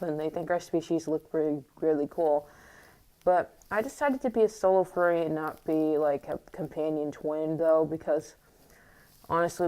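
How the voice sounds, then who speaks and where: A young woman talks to her camera in a low voice, wandering from thought to thought with plenty of fillers. She restarts often and sounds slightly squeaky from the morning, with a mask over her face. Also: a little mellow, low-quality recording. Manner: rambling and hesitant, many fillers and restarts. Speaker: vlogger. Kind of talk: casual rambling monologue to camera. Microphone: wearing a mask.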